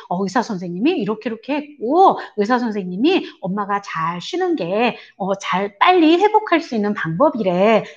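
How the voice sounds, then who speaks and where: A woman's voice: a little high, dull audio. A woman giving a parenting seminar, explaining earnestly with many fillers, now and then acting out a parent's lines in a raised voice. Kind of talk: church parent seminar lecture.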